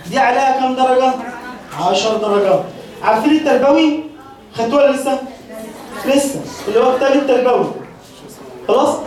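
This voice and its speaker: A woman's voice: high-pitched, darkish tone. A woman with an Egyptian accent teaching a Quran class. She keeps checking in with her students as she talks. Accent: Egyptian Arabic. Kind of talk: classroom lecture. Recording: very echoey hall, distant mic.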